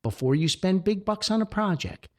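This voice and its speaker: The host of this chatty solo podcast, which includes sponsor reads, has a high voice and speaks animatedly at a normal speed. He chuckles often and keeps up a folksy, rambling, jovial stream full of exclamations.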